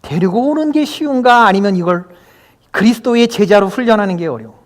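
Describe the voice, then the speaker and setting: With a high-sitting voice, lively intonation, and a fairly quick delivery, a male pastor preaches on Sunday. He presses his points and often questions the congregation, and the sanctuary lends a long hall reverb.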